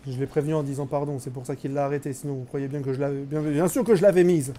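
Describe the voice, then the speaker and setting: A man's voice: on the high side, fairly even intonation, fast talker, warm tone, slight background noise. A young man streaming a live game, chatting with his viewers, joking and mocking himself as he plays. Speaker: gaming streamer. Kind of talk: live gameplay commentary.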